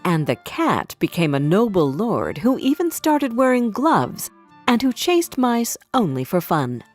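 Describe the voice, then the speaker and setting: A woman narrating a fairy tale for children in an expressive storybook manner. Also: mid-range voice, unhurried, soft background music.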